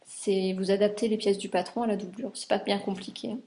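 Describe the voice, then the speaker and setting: A woman's voice: mid-range voice, fairly even intonation, a little fast, dark tone. A young woman from France chatting casually about garments she sewed, with many fillers as she shows the details. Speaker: sewing vlogger. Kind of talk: casual chat.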